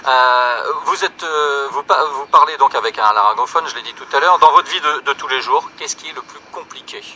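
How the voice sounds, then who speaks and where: A man hosting a live radio debate, interviewing guests with hesitant phrasing and frequent pauses. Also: mid-range voice, pushed and bright, slight background noise, rough recording. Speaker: radio host.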